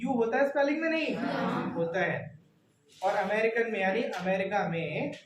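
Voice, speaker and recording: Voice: mid-range voice, expressive, normal speed, far from the mic. Chatty teacher in an echoey classroom. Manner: quizzes students by name, checks understanding with constant tag questions; joking, chatty. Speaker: English teacher. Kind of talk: classroom lesson in Hindi with English terms. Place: classroom, indoors. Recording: echoey classroom, voice from afar, noisy.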